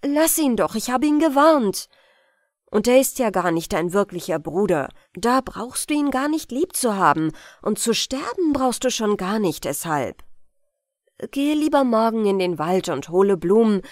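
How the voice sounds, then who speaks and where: Woman as brusque scolding mother, loud, dry close sound, fairy tale audiobook. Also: fairly high pitch, sing-song, normal speed, dry recording. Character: harsh poor mother, scolding.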